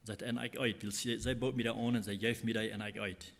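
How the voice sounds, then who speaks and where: A man preaching a sermon, explaining scripture in a halting way and repeating phrases as he goes. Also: on the low side, fairly even intonation, creaky.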